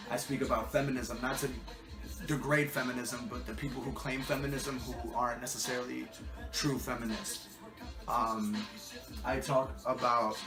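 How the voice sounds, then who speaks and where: A rapper talking casually about the ideas behind his songs, pausing often with ums and restarting thoughts. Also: mid-range voice, echoey room. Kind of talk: casual spoken track commentary.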